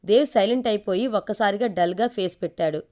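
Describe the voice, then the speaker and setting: Woman storyteller reading an audio story, even and steady, middle pitch. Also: fast talker.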